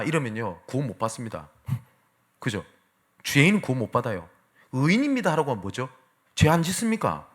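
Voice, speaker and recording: Lively Korean male pastor preaching. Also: mid-range voice. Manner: lively preaching, asking the congregation questions. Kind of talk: sermon. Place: church sanctuary.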